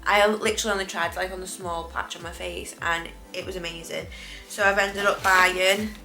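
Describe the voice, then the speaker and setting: A British woman with a bright, forward voice gives a casual, rambling makeup review. Her speech is slightly impeded from dental surgery, and she often corrects herself. Faint music plays behind her. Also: fairly low pitch, fairly even intonation, moderate pace, gravelly, low-quality recording. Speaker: beauty vlogger.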